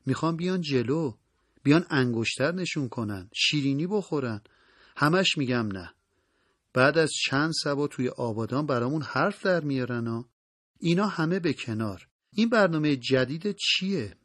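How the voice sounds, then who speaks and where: A gentle, worried father, as a man reads him, in a somewhat higher voice than the narrator's own. He talks in an affectionate, pleading way, and the recording is dry and close. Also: animated, dry recording. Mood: fatherly. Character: middle-aged father, gentle but worried.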